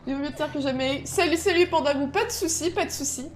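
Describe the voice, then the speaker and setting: A woman streaming a game, chatting casually with her viewers and reacting aloud with excitable outbursts. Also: high voice, quick pace, soft background music. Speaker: gaming streamer. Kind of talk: casual gameplay commentary.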